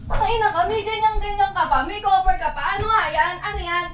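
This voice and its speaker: A woman in a staged family clip, yelling and cursing, then lecturing sternly. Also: extremely high pitch, brisk, very noisy. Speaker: vlogger.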